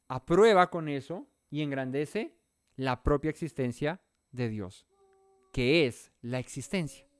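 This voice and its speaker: A man's voice: fairly high pitch, smooth, no room sound, clean studio sound. A man leading an interactive Bible study, talking in a conversational way and often asking the listeners questions. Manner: conversational, thinks aloud.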